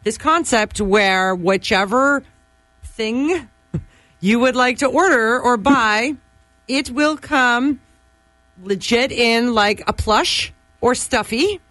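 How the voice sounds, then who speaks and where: A woman's voice: a little high, slow pace, a bit bright, dry recording. Giggly female radio co-host, dry sound. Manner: giggly, easily amused. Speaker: radio morning show co-host. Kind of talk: radio banter and story telling.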